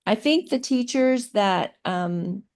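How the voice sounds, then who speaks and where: Answering interview questions about teaching over video call, this middle-aged woman, who grew up in Thailand, pauses often and uses plenty of fillers as she thinks. Her medium-pitched voice is darkish, with lively intonation.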